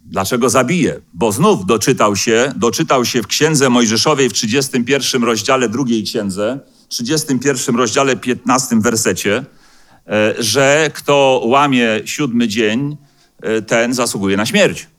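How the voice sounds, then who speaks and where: A man preaching a sermon as pastor in a church, speaking in a measured way and slowing down to quote scripture, with the odd hesitant filler. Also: medium pitch, a bit bright. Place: church hall.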